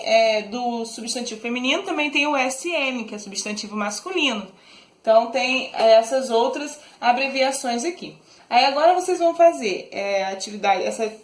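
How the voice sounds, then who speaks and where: High-voiced Brazilian teacher in an echoey room. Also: female voice. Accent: Brazilian Portuguese. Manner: patient, affectionate, explains step by step with frequent hesitation fillers. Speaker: primary school teacher. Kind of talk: recorded remote lesson for children.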